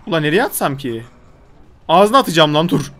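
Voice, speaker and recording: A man's voice: on the high side, big pitch swings, fairly quick, fairly bright tone. A man. He sounds chatty and exasperated, and keeps scolding the character on screen. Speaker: gaming video host. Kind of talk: gameplay commentary.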